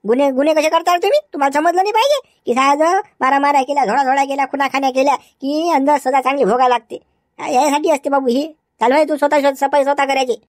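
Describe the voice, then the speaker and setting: A stern, scolding jail cop, played by a woman with a Varhadi Marathi accent, lecturing a prisoner in a village comedy sketch. The delivery is quick and clipped. The sound is dry and close. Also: high voice, no echo, natural voice. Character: stern scolding police officer guarding a jail.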